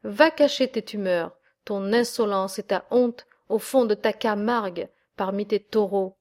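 A woman's voice: mid-range voice, unhurried, darkish tone, close to an everyday voice. Defiant young man taunting a beaten foe, scornful, woman narrator. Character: proud young male basket-weaver, defiant.

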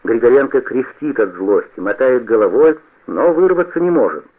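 Casting: husky male reader of a story, lively intonation, old tinny radio broadcast. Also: medium pitch, normal speed. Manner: expressive storytelling. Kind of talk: scripted narration.

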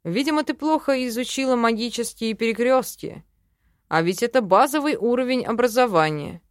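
A woman's voice: a little high, lively intonation, moderate pace, no room sound, pitched above the performer's own voice, natural voice. A woman voicing a touchy, condescending young male elf in an audiobook, read close and dry. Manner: condescending, snapping. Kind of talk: audiobook character reading.

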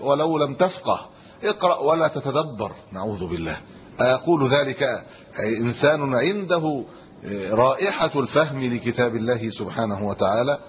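A man preaching a sermon, emphatic and rising on key phrases, then dropping low and soft in the closing supplication. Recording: dull lo-fi recording with faint noise.

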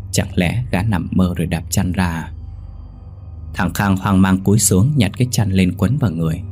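A man narrating a ghost story in a measured, suspenseful manner. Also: low-pitched, a little mellow. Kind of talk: scripted horror story narration.

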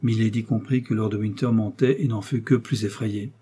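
Mellow, husky male audiobook narrator. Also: fairly low pitch, fairly even intonation, moderate pace. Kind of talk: audiobook narration of a classic novel.

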